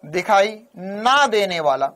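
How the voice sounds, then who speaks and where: A man's voice: high-pitched, sing-song, slow, fairly bright tone. A man teaching physics in a casual classroom lecture, telling playful stories, repeating key terms and quizzing his listeners. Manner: playful storytelling.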